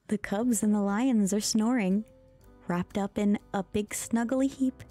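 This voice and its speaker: A woman streamer giving a soft ASMR-style storybook reading, speaking gently, dipping into whispers and making mock-exasperated asides. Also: medium pitch, takes it slowly, faint music behind.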